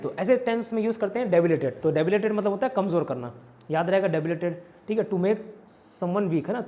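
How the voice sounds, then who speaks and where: A man's voice: high-pitched, dark tone, muffled recording. A man from India teaching vocabulary in an online exam-prep lesson, repeating each word and its meaning over and over. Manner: repetitive drilling, mixing Hindi and English.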